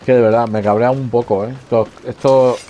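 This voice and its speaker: A man's voice: medium pitch, fairly even intonation, brisk, warm tone. A man with a Castilian Spanish accent giving casual playthrough commentary, informal, with rhetorical questions and muttered reactions. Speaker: gaming streamer. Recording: faint background noise, game sound.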